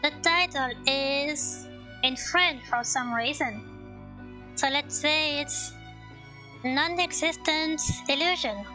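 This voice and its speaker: A woman's voice: sits high, takes it slowly, pushed and bright, faint music behind, poor audio. A young woman streamer talking casually and self-mockingly as she plays a game, then reading its text aloud.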